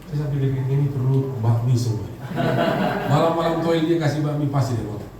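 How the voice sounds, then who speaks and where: A man's voice: mid-range voice, a little fast. A pastor in his fifties from Indonesia, preaching a sermon with humor and calling on the congregation to answer him. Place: large church hall. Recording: echoey hall, distant mic, background noise.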